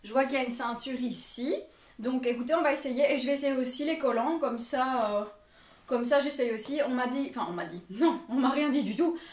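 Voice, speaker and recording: A woman's voice: high-pitched, fairly quick, darkish tone. Chatty Belgian woman in an echoey room. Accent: Belgian French. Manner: chatty, self-mocking, laughs often. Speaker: fashion vlogger. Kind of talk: casual try-on haul chat. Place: bedroom with mirror. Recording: echoey room, mic at a distance.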